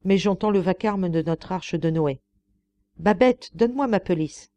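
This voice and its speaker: A woman reader voicing a grand, generous stage tragedienne who talks briskly and commandingly in an audiobook. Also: on the low side, warm tone, close to an everyday voice.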